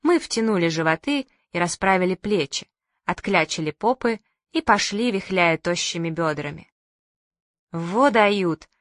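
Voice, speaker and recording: A woman reading a lively humorous story aloud as an audiobook narrator. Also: fairly low pitch, normal speed, no echo, clean studio sound. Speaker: audiobook reader. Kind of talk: scripted narration.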